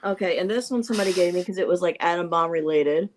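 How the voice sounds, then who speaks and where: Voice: mid-range voice, fast, a little hiss or hum. A live stream host chatting in a rambling, casual way about a card collection. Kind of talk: casual chat.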